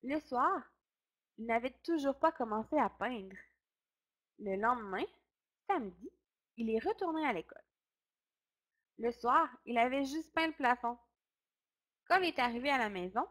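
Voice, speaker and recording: A woman storyteller reading a children's story aloud in the first person, with expressive narration. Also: on the high side, measured pace, pauses often.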